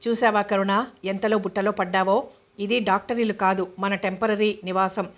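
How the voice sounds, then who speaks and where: A spiteful young man who taunts and threatens his captive, read by a woman in her own voice. The pitch stays even and narrow, and the menace comes from the words more than the sound. It plays as a storybook villain, told and not fully acted. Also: normal speed, close to an everyday voice. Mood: menacing taunt.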